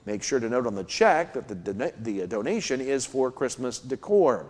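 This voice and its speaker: A man's voice: medium pitch, sing-song, normal speed, a little mellow. An American man reading a scripted local newscast as its anchor. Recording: long hall-like reverb.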